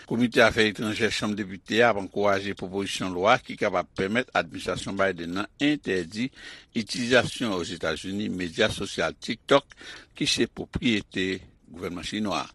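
Male news correspondent, low husky voice, measured read, dry close mic. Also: a bit bright, dry recording. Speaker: news reporter.

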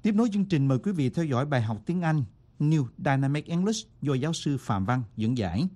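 A man reading a scripted radio commentary and announcements in a formal, measured way. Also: a little high, lively intonation, dark tone. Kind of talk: scripted broadcast narration.

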